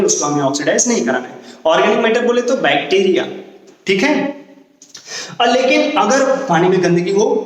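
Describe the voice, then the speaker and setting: A male chemistry teacher giving a classroom lecture, explaining with questions and repetition and mixing Hindi with English terms. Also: high voice. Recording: echoey room, voice from far off.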